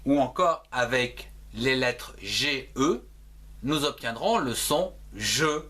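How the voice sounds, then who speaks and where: A man teaching a reading lesson, spelling out letters and repeating each word slowly and deliberately. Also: medium pitch, animated, bright, forceful tone.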